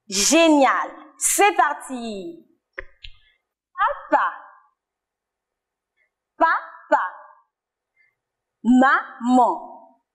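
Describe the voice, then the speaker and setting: A woman teaching a children's church lesson, leading a sign language game with slow, encouraging words and frequent praise. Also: high voice, fairly bright tone. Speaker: children's Sunday school teacher. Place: church TV studio.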